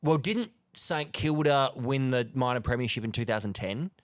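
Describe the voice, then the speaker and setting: A man's voice: medium pitch, expressive, moderate pace, no room sound, clean studio sound. A young Australian man hosting a casual sports podcast, enthusiastic and constantly chiming in with agreement. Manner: enthusiastic, chimes in often with agreement. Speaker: podcast host.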